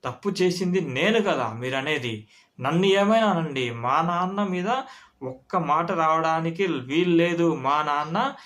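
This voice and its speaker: A man playing a fired-up young son in a told story, voice pushed up high and loud, earnest and protective of his dad, every line delivered with heat. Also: steady tone, moderate pace, lightly acted. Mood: defiant. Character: defiant young son standing up for his father.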